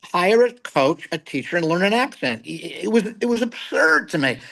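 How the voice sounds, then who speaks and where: Blunt, opinionated man with a higher voice. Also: big pitch swings, normal speed, fairly bright tone, low-quality recording. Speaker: guest film critic, comedy writer. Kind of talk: casual film review chat.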